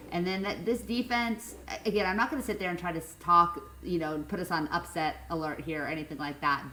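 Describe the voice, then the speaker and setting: A woman with a very low voice co-hosts a sports podcast in lively, casual chat. She sounds enthusiastic and sprinkles in ums. The room is echoey with faint noise behind. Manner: animated, enthusiastic, frequent ums. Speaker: podcast co-host.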